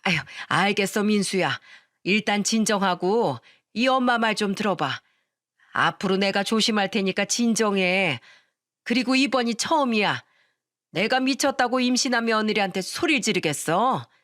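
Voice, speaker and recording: A woman doing a sharp-tongued old mother-in-law. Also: medium pitch, animated, moderate pace, close to an everyday voice. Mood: placating. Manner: cutting, scornful, sometimes fawning.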